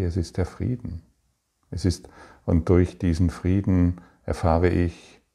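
A man giving a calm, reflective spiritual talk, speaking slowly with pauses and restarts. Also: deep voice, gravelly. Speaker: spiritual teacher.

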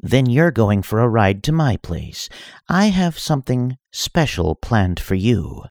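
A man voicing a teasing female dark lord in a story reading, smooth and mocking. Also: mid-range voice, sing-song, unhurried, no echo, clean studio sound, voice pushed up.

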